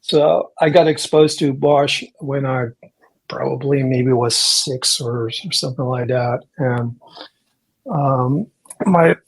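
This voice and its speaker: Gravelly man, hesitant. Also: medium pitch, steady tone, slow, low-quality recording. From Netherlands. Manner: hesitant, restarts often, thoughtful. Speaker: guest artist. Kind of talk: casual interview conversation.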